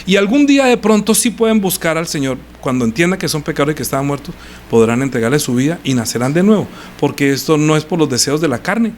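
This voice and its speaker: A man's voice: on the high side, animated, fast talker, a little hiss or hum. A middle-aged man preaching a sermon in a conversational style, often asking the congregation rhetorical questions. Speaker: pastor. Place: church.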